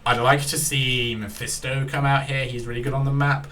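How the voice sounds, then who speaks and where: A man's voice: mid-range voice, flat delivery, moderate pace, a bit bright, distant mic, a little hiss or hum. A Scottish man casting a live esports match, talking casually with dry, self-deprecating humor about being tired. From Scotland. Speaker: esports caster.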